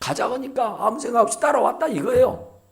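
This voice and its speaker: A man preaching a sermon as pastor, acting out dialogue and swinging from shouting to near whispers. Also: extremely high pitch, lively intonation, fairly quick, creaky.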